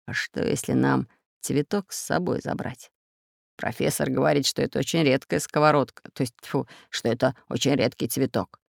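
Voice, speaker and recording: A narrator voicing a fat, greedy male pirate in a storybook reading, speaking low and hushed with a gravelly voice. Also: fairly even intonation, normal speed, no echo, studio quality. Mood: scheming whisper.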